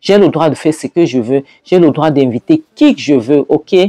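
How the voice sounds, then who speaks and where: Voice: mid-range voice, animated, normal speed, warm tone, no room sound, lightly acted. A storyteller voicing a defiant older woman who dismisses questions with scorn. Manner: combative, dismissive.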